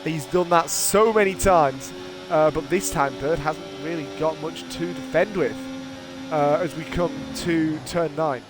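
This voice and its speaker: Excitable male sim racing commentator. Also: on the high side, unhurried, music in the background. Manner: excitable, exclaims at contact, chatty. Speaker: race commentator.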